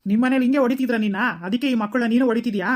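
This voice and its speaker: A woman voicing a middle-aged cartoon father who calmly lectures his wife and daughters. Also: a little high, rapid-fire, natural voice. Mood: lecturing. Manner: lecturing, reasoning.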